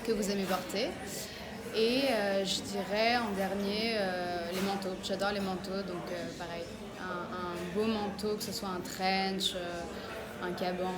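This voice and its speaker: Relaxed French woman in an echoey room. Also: medium pitch. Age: 30s. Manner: hesitant, many fillers, relaxed. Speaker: fashion consultant and concept store owner. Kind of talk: casual interview answers. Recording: echoey room with loud music behind.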